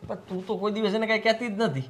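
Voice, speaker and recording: Brief: a high-voiced, indignant husband, played by a man who takes his wife's side. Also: flat delivery, fast talker. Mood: aggrieved. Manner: indignant, scolding. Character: young husband siding with his wife against his mother. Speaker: son and husband. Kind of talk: family drama acting.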